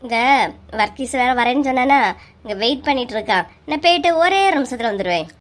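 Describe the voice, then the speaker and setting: Woman doing sly cartoon husband, Kanyakumari Tamil accent, flattering, very high voice. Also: fast. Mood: coaxing. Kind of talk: cartoon voice acting.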